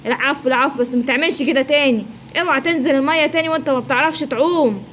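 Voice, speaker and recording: A woman's voice: high-pitched, rapid-fire, a bit bright, a little hiss or hum. A woman with an Egyptian accent voicing a brave, boastful male lion king in a children's story. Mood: proud. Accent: Egyptian Arabic. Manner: boastful, protective, exaggerated.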